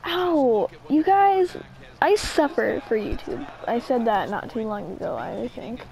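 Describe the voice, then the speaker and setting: Shrieking high-voiced woman gaming. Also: moderate pace, vocal fry, poor audio. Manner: shrieks and squeals with excitement. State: sore throat. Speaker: gamer. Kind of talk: excitable game commentary. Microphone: headset mic near the ear.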